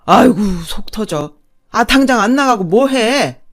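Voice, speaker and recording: A woman voicing an angry, domineering older father-in-law who yells with contempt. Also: a little high, expressive, measured pace, pitched above the performer's own voice. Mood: raging. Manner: yelling, contemptuous.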